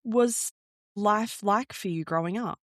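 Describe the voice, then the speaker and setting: A host speaking at a middle pitch into a dry, close microphone. The talk is loose and chatty, full of false starts and restarted phrases. The host asks broad, open questions in a relaxed interview. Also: takes it slowly, no echo. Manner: chatty, restarts sentences, casual swearing. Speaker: podcast host. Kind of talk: casual interview chat.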